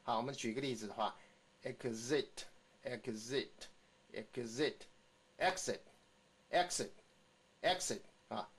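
A man teaching English phonics in Mandarin, drilling each word slowly and ending phrases with a soft "ha". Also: lowish voice, husky. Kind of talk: recorded phonics lesson.

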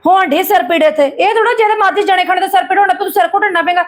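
A woman playing a sharp-tongued, overbearing mother who nags and scolds in an amateur family drama. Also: extremely high pitch. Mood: scolding. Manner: fast, scolding, nagging.

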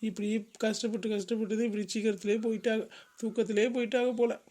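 A woman's voice: mid-range voice, steady tone, quick pace, dark tone, natural voice. A woman voicing a greedy, gossipy neighbor in a cartoon comedy. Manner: gossipy, scheming.

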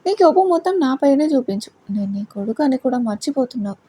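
A woman's voice: high-pitched, lively intonation, a little fast, mellow, slight background noise. A woman with a Telugu accent voicing a sarcastic, bickering young rich husband in a storybook reading. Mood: teasing.

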